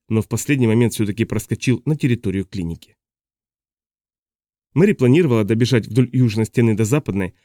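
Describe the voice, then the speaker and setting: A man narrates an audiobook with steady, even storytelling. His voice is dark and relaxed, and the recording is dry and close with no room echo. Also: mid-range voice. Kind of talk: scripted narration.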